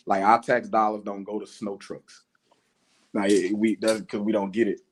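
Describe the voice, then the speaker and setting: A man's voice: fairly low pitch, flat delivery, normal speed, breathy edge. A man co-hosting a casual chat, laid-back and slangy, laughing often. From Louisiana. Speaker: co-host. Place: home.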